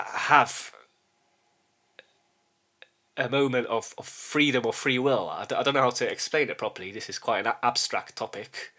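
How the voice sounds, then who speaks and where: A man hosting his own channel, thinking aloud in a reflective monologue, halting with frequent restarts and a soft "yes?" to check in with the listener. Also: mid-range voice. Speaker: channel host.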